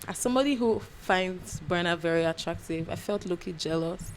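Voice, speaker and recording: A young woman from Nigeria with a Nigerian accent, co-hosting a casual chat podcast, animated and laughing, slipping into pidgin. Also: fairly low pitch, fairly quick, slight background noise. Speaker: podcast co-host.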